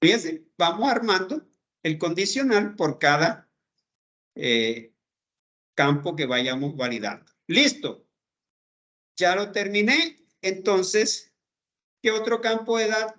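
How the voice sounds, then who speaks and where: The recording is muffled, but the man's high, sing-song voice comes through with a fairly bright tone. He's running a programming class as a screen-recorded lesson, walking through code slowly and step by step while checking on his students with "¿verdad?"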